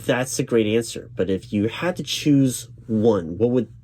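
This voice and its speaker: A man role-playing a job interviewer, reassuring and accommodating, halting and repeating his words as he goes. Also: mid-range voice, expressive, warm tone. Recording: lo-fi, noisy, clacking keyboard typing. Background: computer keyboard typing.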